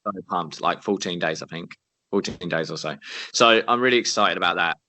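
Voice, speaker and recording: A man's voice: sits low, a little fast, sharp tone, dry recording. A young man, co-hosting a casual podcast in an upbeat, encouraging, chatty way. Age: 20s. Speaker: podcast co-host. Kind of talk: casual chat. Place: at home, indoors.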